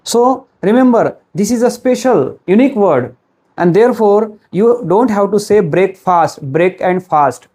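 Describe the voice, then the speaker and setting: A man's voice: high voice, lively intonation, warm tone. A man with an Indian accent teaching English pronunciation, mixing Hindi and English and quizzing the viewer. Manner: slow, deliberate delivery. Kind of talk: classroom-style pronunciation lesson.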